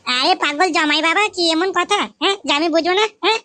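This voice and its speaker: Flirty cartoon mother-in-law, coaxing, bright and fast woman voicing. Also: very high voice, dry recording. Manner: coaxing, sweet-talking. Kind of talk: comic cartoon voice acting.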